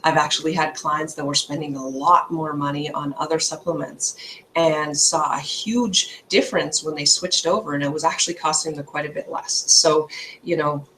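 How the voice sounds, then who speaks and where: A woman's voice: deep voice, steady tone, moderate pace, a bit bright, slight background noise. A woman health coach from Canada giving an informal talk, emphatic and chatty, checking in with "okay?" after her points.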